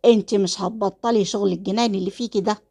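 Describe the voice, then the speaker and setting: A woman's voice: mid-range voice, steady tone, fast, gravelly, mellow. A woman voicing a cold, manipulative husband with an Egyptian accent, talking in a cool, dismissive way. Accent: Egyptian Arabic.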